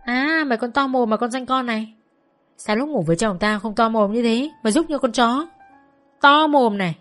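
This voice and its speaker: A woman's voice: medium pitch, a little fast, faint music behind, natural voice. A woman voicing a jealous young woman who screams vicious insults in a brawl, in a narrated audio story. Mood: screaming abuse.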